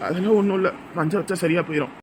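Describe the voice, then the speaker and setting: A woman's voice: lowish voice, rapid-fire, loud music behind the voice, close to an everyday voice. Woman voicing a stubborn proud son. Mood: dismissive. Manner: dismissive, brushing off concern. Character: stubborn grown son hurt, proud, leaving home.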